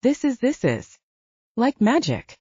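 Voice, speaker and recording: A woman's voice: on the high side, huge pitch swings, slow, dark tone, breathy edge, dry recording, pitched above the performer's own voice, heavily acted. A woman voicing a flustered, sleepy male wizard scholar who speaks in a groggy, incredulous way. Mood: astonished. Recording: dull lo-fi.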